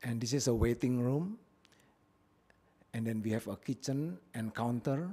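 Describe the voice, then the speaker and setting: This mid-range, dark, slightly rough voice belongs to a man originally from Indonesia. He is pitching his business plan at a public hearing, addressing a council chamber through a podium microphone in plain speech full of pauses and fillers.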